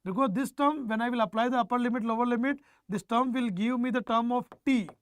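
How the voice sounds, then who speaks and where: A man's voice: very high voice, fast talker. A man with a North Indian accent lecturing an online exam class, repeating phrases for emphasis and prompting students with questions. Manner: mixes Hindi phrases into English. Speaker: teacher.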